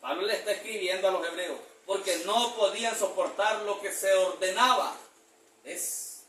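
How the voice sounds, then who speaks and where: A man preaching a sermon in a church, reading scripture verses slowly and calling the congregation "brother" again and again. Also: high-pitched, fairly bright tone, a little hiss or hum. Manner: reads verses slowly, repeats "hermano" often. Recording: echoey church hall from far off.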